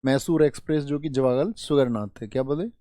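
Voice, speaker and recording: Speaking a little fast in a mellow, medium-pitched voice, a young male teacher leads an online exam-prep class by asking questions and answering them himself. He sometimes scolds with exasperation, and the recording is dry and clean, studio-sounding.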